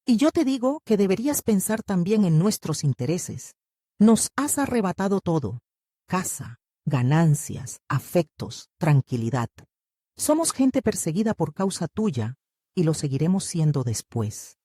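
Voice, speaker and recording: An audiobook narrator gives voice to a resentful male disciple who protests and argues with bitterness. The voice is husky and dark, with wide, lively rises and falls. The sound is close and dry. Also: medium pitch, a little slow, no echo. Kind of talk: audiobook reading.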